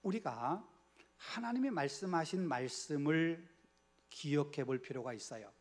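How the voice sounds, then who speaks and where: A man's voice: a little high, lively intonation, a little slow. A man preaching a Bible study sermon as pastor in a church, earnest and asking the congregation rhetorical questions, sometimes dropping to a near whisper.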